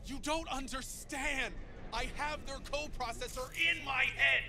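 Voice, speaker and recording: An actor playing a paranoid, grandiose and desperate street prophet in a video game, proclaiming theatrically. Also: male voice, extremely high pitch, steady tone, a little slow, background noise. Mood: fervent, excited. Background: music.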